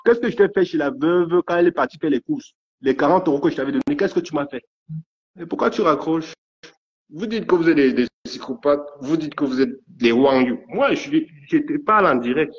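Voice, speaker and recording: A man's voice: on the high side, animated, brisk. A man ranting angrily on a live stream, stammering and repeating his threats. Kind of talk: angry live rant. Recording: dull lo-fi stream audio.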